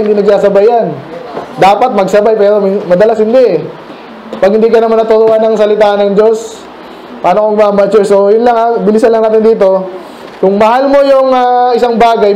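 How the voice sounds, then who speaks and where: A man's voice: high voice, dark tone, echoey room, slight background noise, rough recording. A Filipino man preaching a midweek Bible study sermon, talking conversationally and asking the congregation questions. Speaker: pastor. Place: church room.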